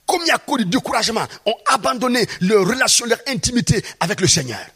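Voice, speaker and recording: A man's voice: extremely high pitch, big pitch swings, quick pace, bright, forceful tone, slightly rough. A man preaching a sermon, emphatic and often putting questions to the congregation.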